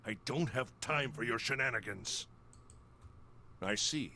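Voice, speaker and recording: An actor playing a gloating, sadistic slasher killer in a video game, coldly polite and formal. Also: male voice, mid-range voice, animated, a little slow, sharp tone, a little hiss or hum, full character voice. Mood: taunting. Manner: slasher killer relishing his words, formal and menacing. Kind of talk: dramatic video game voice acting. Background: game music.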